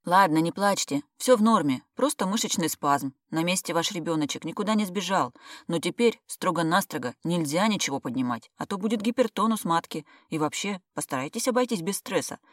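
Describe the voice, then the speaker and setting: A woman doing a brisk, bossy woman doctor. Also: fairly low pitch, expressive, dry recording, studio quality. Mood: reassuring. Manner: loud, brisk, firm reassurance.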